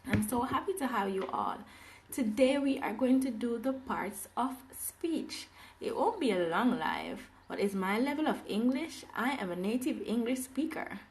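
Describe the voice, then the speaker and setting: Woman from Jamaica, online English teacher, upbeat and welcoming, slightly high voice, phone stream. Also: big pitch swings, normal speed. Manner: cheerful, repeats welcomes to viewers. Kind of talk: live online English class, greeting viewers.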